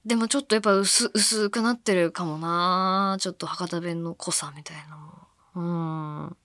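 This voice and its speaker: A woman from Fukuoka hosting a radio show, chatting casually and musing aloud, with soft-spoken asides between her points and listener mail. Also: on the low side, fairly even intonation, normal speed, no echo. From Fukuoka, Japan. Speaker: radio host.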